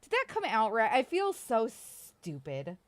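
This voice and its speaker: Unhurried, with a slightly high voice and huge swings in pitch, this Iowa woman in her thirties talks casually to her livestream viewers. She rambles, gets self-deprecating, and swears and laughs a lot. She's from Iowa, United States.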